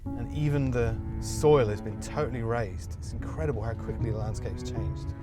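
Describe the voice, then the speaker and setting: A man's voice: mid-range voice, normal speed, over music. A man with an Australian accent presenting a travel vlog, moving between narration and casual chat with a wry, jokey, understated humour.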